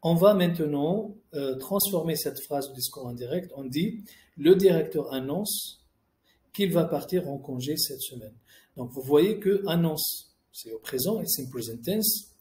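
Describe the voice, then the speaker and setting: A man's voice: fairly high pitch, lively intonation, a little slow, mellow. A man teaching French grammar, explaining each rule in French and then in English and reading out example sentences. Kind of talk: classroom-style grammar lesson. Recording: echoey room.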